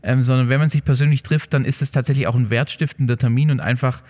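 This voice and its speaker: A man's voice: mid-range voice, fairly even intonation, fast, a little mellow. A man hosting a business podcast, asking long, elaborate questions and summing up his guest's points. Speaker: podcast host. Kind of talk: podcast interview.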